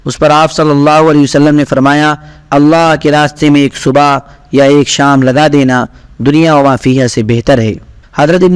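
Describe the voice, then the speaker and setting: A man reading aloud scripted narration of religious stories in a steady, even manner. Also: fairly high pitch, clean tone, no room sound. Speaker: reader.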